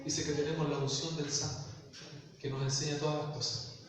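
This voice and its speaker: A man's voice: on the high side, little pitch movement, fairly quick, fairly bright tone, a little hiss or hum. A man preaching a sermon as pastor, often putting questions to the congregation. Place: church hall. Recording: echoey hall from far off.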